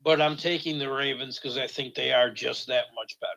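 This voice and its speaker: A man hosting a sports radio show, measured and brief as he leads through the football games. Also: mid-range voice, steady tone, vocal fry, pushed and bright, highs cut off.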